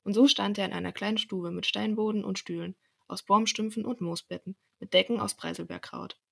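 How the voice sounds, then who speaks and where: Gravelly, husky young woman reading a story. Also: mid-range voice, a little fast. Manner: steady narration with occasional small slips. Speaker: student storyteller.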